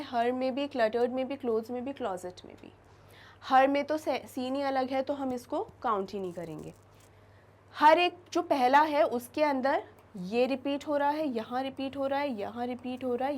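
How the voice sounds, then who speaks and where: A woman teaching an English lesson to students, explaining in Hindi mixed with English, slowing down and repeating example words for emphasis. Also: high-pitched. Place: classroom-style studio lesson.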